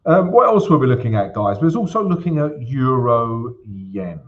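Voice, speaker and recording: Going over charts on his forex livestream, a man chats casually with the audience and keeps tossing in "yeah?" and "guys." He speaks at normal speed with a medium pitch and big pitch swings, through slightly dull stream audio.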